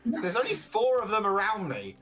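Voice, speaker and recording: Bright-voiced, very animated woman at game table. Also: medium pitch, moderate pace, soft background music. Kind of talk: casual banter.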